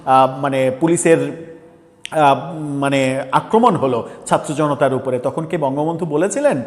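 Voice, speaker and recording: A man's voice: on the high side, unhurried, in a large hall. A man giving a political commentary monologue, earnest and pressing, with frequent filler sounds and restarts.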